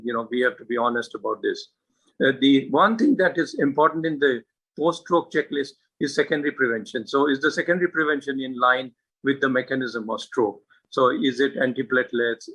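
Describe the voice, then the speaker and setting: A man delivers a medical talk in a bright, ringing voice of middling pitch. He pauses often on filler words. He stresses key terms and poses one rhetorical question after another. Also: breathy edge, low-quality recording. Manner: earnest, hesitant with frequent uh and you know fillers; presses points with emphasis and rhetorical questions. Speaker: neurologist giving a talk. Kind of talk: medical lecture.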